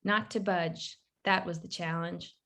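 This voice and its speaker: A woman author reading her own short story aloud in a measured, wry first-person narration. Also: fairly low pitch, fairly even intonation, fairly bright tone.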